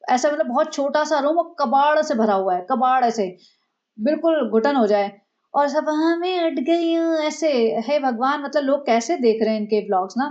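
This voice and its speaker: High-voiced sarcastic woman commentator. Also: darkish tone, lo-fi sound. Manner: sarcastic, mocking. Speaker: commentary vlogger.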